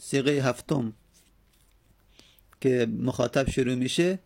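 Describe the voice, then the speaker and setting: A male teacher giving a grammar lecture with a rough, gravelly edge to his voice. He talks patiently, reciting verb forms one after another in steady drills and checking in with his students as he goes. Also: medium pitch.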